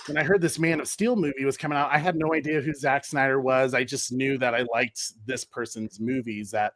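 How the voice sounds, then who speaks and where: A man's voice: medium pitch, steady tone, a little fast, fairly bright tone, no echo. Easygoing man in his thirties, dry sound. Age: 30s. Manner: rambling, easygoing storytelling with many fillers. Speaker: podcast guest. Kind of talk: casual chat.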